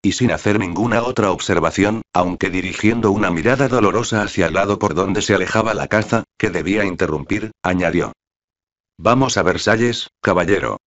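Deep low-voiced guy reading an audiobook, steady and measured, kinda dull lo-fi sound. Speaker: audiobook narrator. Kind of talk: scripted narration.

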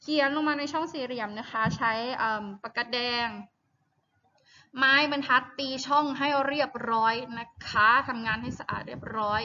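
A woman teacher with a Thai accent gives a patient online English phonics lesson, saying each word slowly for students to repeat. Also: on the high side, sharp tone, lo-fi sound, a little hiss or hum. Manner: repeats words slowly, has students read after her; patient instructions with frequent polite particles.

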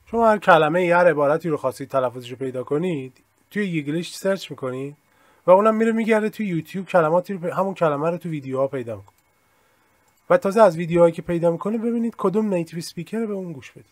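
A man's voice: fairly high pitch, no room sound. A man whose first language is Persian, teaching an English lesson and explaining at length with modest asides and many examples. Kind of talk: recorded screen-share lesson.

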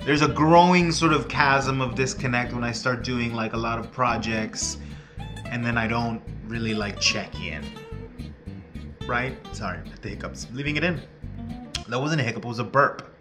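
A man's voice: mid-range voice, moderate pace, music in the background. A man vlogging casually, rambling loosely, breaking off and laughing at himself.

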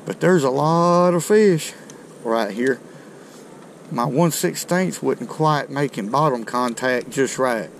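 A middle-aged fishing host talks to his viewers casually, folksy and excited, as he fishes a rocky riverbank under a dam. His mid-range voice is slow and has vocal fry; the chest-mounted action camera adds a little hiss or hum.

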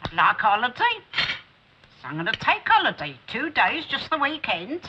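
A woman's voice: on the high side, wildly swooping pitch, moderate pace, noisy background. An actress playing a down-to-earth, hesitant middle-aged London woman in a television drama, plain-spoken and a little defensive. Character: down-to-earth, hesitant, touchy working-class London lady. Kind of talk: 1960s television drama acting. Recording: dull old TV soundtrack.

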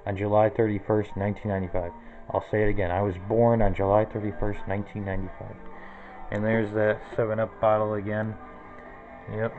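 A man's voice: lowish voice, level tone, brisk, narrow, tinny audio, soft background music. A man in his twenties giving a casual, rambling tour of his small cluttered bedroom, naming objects one after another into a handheld camera. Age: 20s. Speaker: vlogger. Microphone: handheld camera close to the face.

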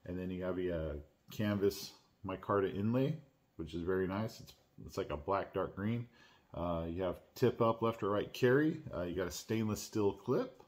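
A man hosting his own channel, unboxing and reviewing a pocket knife in a relaxed, chatty way with lots of "uh"s and restarts. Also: low-pitched, moderate pace. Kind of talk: casual unboxing and product review. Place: at home.

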